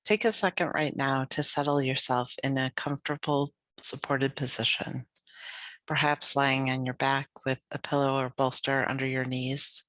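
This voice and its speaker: With a bass voice, a woman guides yoga nidra as the teacher, speaking soothingly and gently in unhurried phrases separated by long pauses. No room sound is present.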